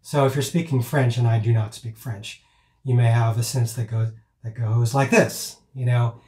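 A man's voice: medium pitch, fairly even intonation, moderate pace, mellow. Man teaching in an echoey room. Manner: rambling, with many fillers and restarts; chants counts and rhythm words aloud as demonstrations. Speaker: piano teacher. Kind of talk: informal teaching talk. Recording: roomy echo.

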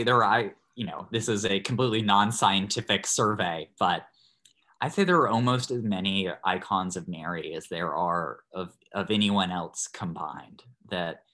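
A man's voice: fairly low pitch, bright, forceful tone. A man, a priest, giving a thoughtful parish class over a video call, loosely phrased with many restarts. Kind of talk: online parish talk.

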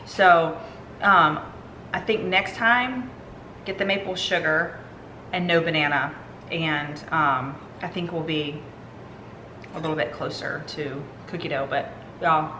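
A woman's voice: low-pitched, fairly even intonation, a little slow. A woman, chatting upbeat in a casual family vlog. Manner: chatty, upbeat, says "y'all". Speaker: family vlogger, mother. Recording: echoey with loud outdoor noise.

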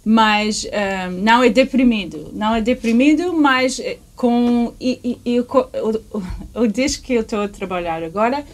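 A woman in her thirties from Canada, a guest in a small podcast studio, chatting in a halting way, often searching for words and letting phrases trail off softly. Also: on the high side. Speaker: guest musician. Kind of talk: casual interview chat.

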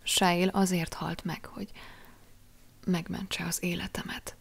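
A woman's voice: mid-range voice, steady tone, vocal fry, big-room sound, lightly acted. A woman reading as a grieving teenage girl. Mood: grieving whisper.

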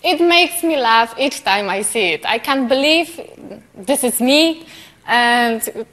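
A woman's voice: on the high side, animated, slow pace, fairly bright tone. A woman in her thirties from Poland with a Polish accent, a native Polish speaker giving casual interview answers. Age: 30s. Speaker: interviewee, fashion model.

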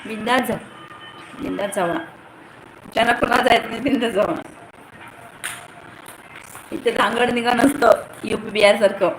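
A woman's voice: fairly high pitch, fairly even intonation, normal speed, pauses often. A young woman from the Konkan coast, hosting a casual phone live stream, greeting viewers by name and answering comments. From Ratnagiri, Konkan, India. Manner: chatty, greets viewers by name, calls to her children. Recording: echoey phone recording with loud background noise.

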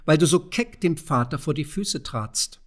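A man voicing a poor, frail old widow who speaks softly and mildly. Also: on the high side, animated, normal speed. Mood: gentle. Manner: soft, mild, secretive.

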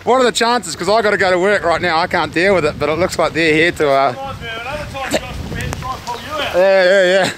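A man's voice: sits high, moderate pace, a crowd in the background, poor audio. A man in his thirties with a New Zealand accent, vlogging to camera outdoors in a blunt, joking way. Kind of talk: casual outdoor vlog. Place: outdoors in the rain, by a house. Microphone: handheld camera close to face. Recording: outdoor recording with loud rain noise. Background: rain.

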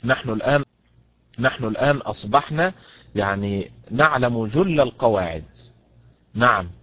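A man gives an online lesson on recitation, slowing right down to stretch out each example word. His voice sits at an ordinary middle pitch. The audio is dry and somewhat dull, like a lo-fi webinar stream. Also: animated, no room sound. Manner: explains patiently, drawing out example words slowly; praises students by name as they answer. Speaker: Quran recitation teacher. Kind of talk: online lecture on Quranic stress rules.

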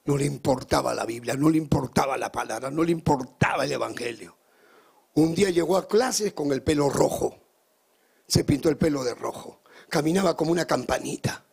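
Male pastor, live sermon: gravelly, husky, fervent, swings from loud climaxes to hushed storytelling. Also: brisk. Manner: fervent preaching that climbs high and loud, then drops into hushed storytelling.

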